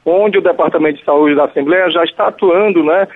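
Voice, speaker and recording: A male radio field reporter with a Brazilian Portuguese accent reports live from the scene and interviews a nurse, speaking fairly quickly in a slightly high voice. The audio has a tinny phone-line quality with no echo.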